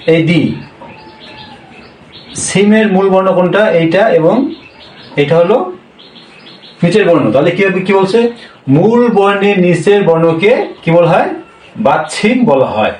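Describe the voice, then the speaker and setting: A man giving a spoken language lesson. He speaks slowly, repeats each point and asks questions that he answers himself. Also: sits high, a little mellow, recorded from a distance. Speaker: Korean language teacher. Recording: roomy, from off the mic.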